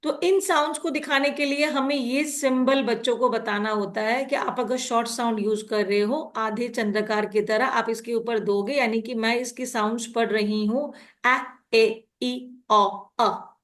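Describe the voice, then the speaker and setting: A woman teacher with an Indian English accent, slowly explaining phonics to a class step by step and quizzing the students. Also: fairly high pitch, fairly even intonation. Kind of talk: classroom lesson mixing Hindi and English.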